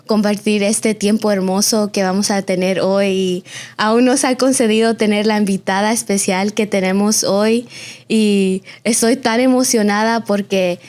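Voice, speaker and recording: This early-twenties podcast host from Austin, Texas, who comes from a Mexican family, runs a conversational interview show with an effusive style and the occasional English filler word. Her voice sits at a medium pitch and is a little mellow.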